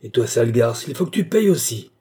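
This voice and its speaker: A man's voice: medium pitch, brisk, mellow, slightly rough, natural voice. A man reading an audiobook, voicing an angry young man who accuses a woman of murder. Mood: accusing. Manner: accusing, indignant.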